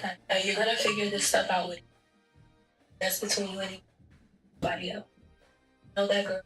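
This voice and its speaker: A woman's voice: mid-range voice, level tone, moderate pace, a bit bright, echoey room, far from the mic, faint music behind, low-quality recording. A woman speaking in character during a game roleplay, firm yet consoling, like a big sister setting a friend straight. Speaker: roleplay gamer.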